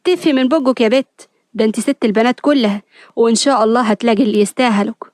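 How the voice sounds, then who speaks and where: A woman's voice: fairly high pitch, a little mellow, no echo, clean studio sound, natural voice. A woman doing a feisty young woman. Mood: affectionate. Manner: quick, emotional, teasing retorts. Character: spirited young woman, sharp-tongued and stubborn.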